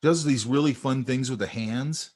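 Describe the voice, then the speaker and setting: A man teaching a sketching class in a relaxed, chatty way, telling stories while he points out details in drawings. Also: medium pitch, moderate pace. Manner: animated, storytelling, talks over drawings. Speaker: art instructor. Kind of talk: casual teaching chat.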